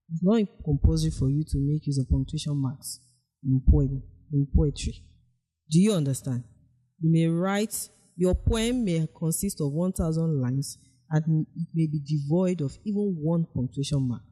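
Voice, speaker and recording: Husky, dark-voiced man judging formally. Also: a little high, moderate pace, poor audio. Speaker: contest judge. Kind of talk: spoken critique to a contestant.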